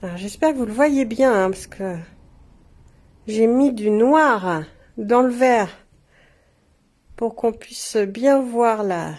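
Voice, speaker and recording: A woman's voice: a little high, slow, long pauses. A woman chatting casually to viewers as she shows off engraved glasses. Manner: chatty, warm asides to viewers. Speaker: shop presenter. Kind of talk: casual product showcase.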